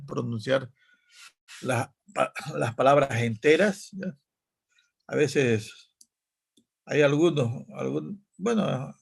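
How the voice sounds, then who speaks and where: Man, sales teacher, very gravelly voice, keeps asking a tag question, frequent restarts. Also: medium pitch. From Santa Cruz, Bolivia. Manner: ends nearly every phrase with a questioning tag, frequent restarts. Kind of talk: class lecture.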